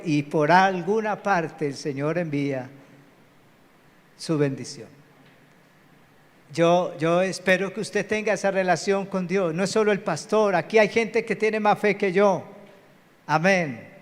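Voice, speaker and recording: A high-pitched, unhurried male voice that pauses often belongs to a Colombian pastor preaching live in a large church hall. The sound is reverberant, and he preaches insistently, asking the congregation for amens.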